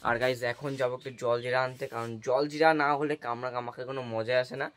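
A young man, vlogging casually outdoors. He talks chattily and excitably, and keeps calling out to his viewers. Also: medium pitch, fast. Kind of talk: casual vlog to camera.

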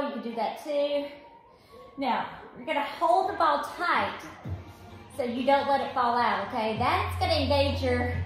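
A woman's voice: sits high, a bit bright. A woman working as an aerobics instructor, cueing and counting exercises with encouragement as she does them herself in a living room. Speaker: aerobics instructor leading a core workout. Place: living room with hard wood floor, indoors. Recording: very echoey room, faint music behind.

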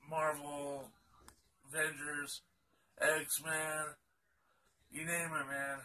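A man's voice: fairly high pitch, pushed and bright, far from the mic, slight background noise. A tired, sleepy man rambling casually to his vlog viewers, with lots of restarts. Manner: rambling, many fillers and restarts. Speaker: YouTuber.

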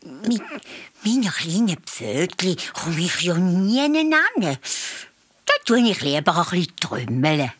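A woman's voice: on the low side, very animated, slow pace, a little hiss or hum, voice pushed up. A woman with a Swiss German accent voicing a lazy, sly little male hare who whines and stammers in a storybook tale. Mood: scheming. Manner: whiny, moaning, stammering.

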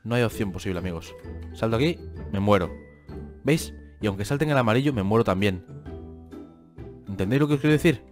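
A man's voice: lowish voice, expressive, fairly quick, pauses often, faint music behind. A young man with a Spain Spanish accent giving gameplay commentary, exasperated and complaining, with dramatic outbursts. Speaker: gaming youtuber.

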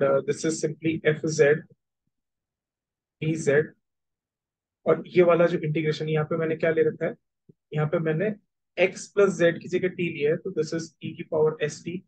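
A man's voice: on the high side, level tone, racing, pauses often, a little mellow, slightly rough, poor audio. A man with a North Indian accent teaching an online maths lesson, repeating his points as he explains. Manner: repetitive explaining, switching between languages, checking understanding.

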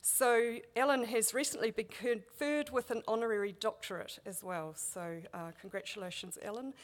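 A woman's voice: on the high side, steady tone, normal speed. A woman from New Zealand with a Kiwi accent, chairing a conference and welcoming the audience in a casual, filler-laden manner.

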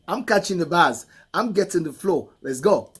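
A middle-aged man gives casual, excited commentary on a track. His voice is husky and rises and falls widely. He repeats lines for emphasis while music plays faintly behind him. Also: high voice, measured pace. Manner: animated, repeats phrases for emphasis. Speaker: music reaction host. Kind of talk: casual song reaction commentary. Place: indoor room, photo-covered wall. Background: hip hop song.

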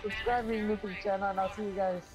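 A young man with a high voice chimes in on a gaming video, teasing his friend and rushing his plugs. Loud game music fills the space under him. His tone stays casual and quick-witted. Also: level tone. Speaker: co-host friend. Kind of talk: casual banter.

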